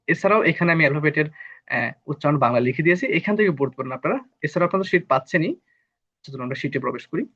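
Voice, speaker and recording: Husky-voiced man teaching a lesson, lo-fi. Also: fairly high pitch, expressive, fast, fairly bright tone. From Bangladesh. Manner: patient, repeats terms to drill students. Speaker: English teacher. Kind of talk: explaining a live online lesson.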